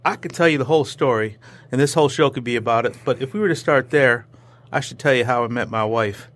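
A man's voice: mid-range voice, fast talker. Joking, rambling man telling stories. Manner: animated, joking, rambling with restarts; throws in playful sound effects. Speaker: interview guest. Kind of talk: casual storytelling conversation.

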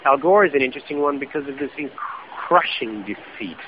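In a radio interview, a German-native author answers questions reflectively, thinking aloud and dropping in frequent "you know" asides. His mid-range voice is expressive and a little fast, though the audio is dull with slight hiss or hum.

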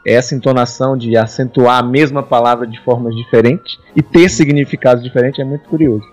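A man co-hosting a podcast, talking in a relaxed, reflective way. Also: mid-range voice, brisk, lo-fi sound, soft background music. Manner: relaxed, reflective, chimes in with short agreements. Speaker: podcast co-host. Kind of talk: casual chat.

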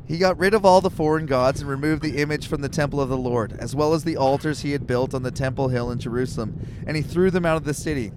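Speaking quickly in a mid-range voice over a noisy background, this man co-hosts a podcast while riding in a car. He jokes around, reads passages of scripture, and tosses in irreverent asides full of swearing.

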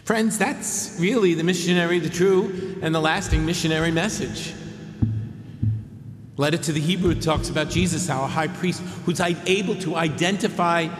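Guy giving a sermon, bit high voice, lots of church echo, slow gentle emphasis. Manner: measured, gentle preaching with slow emphatic pauses. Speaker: preacher. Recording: echoey hall with long reverb.

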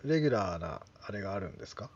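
A man's voice: low-pitched, very animated, rapid-fire, husky, no room sound. A man interviewing a guest, engaged and summing up the guest's points in his own words. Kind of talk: casual interview talk. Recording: dry, dull lo-fi audio.

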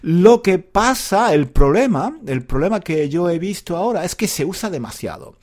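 Man, casual lesson talk, slow and repetitive, lots of fillers. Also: high-pitched, sing-song, a little mellow. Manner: unhurried, many fillers and repetitions, chuckles often.

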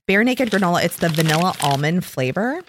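A woman's voice: lowish voice, expressive, brisk, background noise. A woman co-hosting a casual podcast chat on a headset, reviewing products and reading out label figures. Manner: chatty, reads out label figures. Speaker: podcast co-host.

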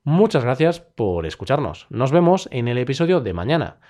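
A man from Spain with a Spanish accent, hosting a daily podcast that teaches Spanish expressions, with clear, measured delivery and a light touch of humor. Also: mid-range voice, sing-song, warm tone. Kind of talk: scripted explanatory podcast lesson.

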